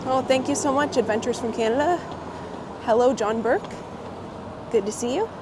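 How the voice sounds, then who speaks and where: A walking vlogger streams live from a windy city street, her on-the-high-side voice moving at a moderate pace and a touch hoarse from a recent cold. Friendly and quick to laugh, she welcomes viewers by name. Traffic and wind come through the clip-on mic attached to her coat.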